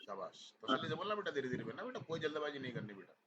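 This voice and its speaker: A man teaching English speaking practice, gently coaxing his students to speak without fear. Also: on the high side, big pitch swings, rapid-fire. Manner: coaxing, calls students "beta" often. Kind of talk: encouraging feedback to students. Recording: muffled lo-fi with loud background noise and clicks.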